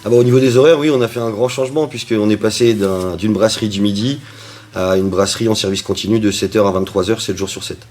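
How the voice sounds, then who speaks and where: A restaurant owner who also cooks answers interview questions in a chatty way, hesitating often. His voice is on the low side and darkish, with a steady tone and a fast pace.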